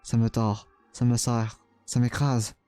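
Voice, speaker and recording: Guy reading as a suffering young guy narrating his pain, mellow dry voice, trips on words. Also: medium pitch, flat delivery, slow pace, clean tone, dry recording, faint music behind, natural voice. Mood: anguished. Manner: dramatic first-person reading, stumbling over words. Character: anguished young man narrating his own torment.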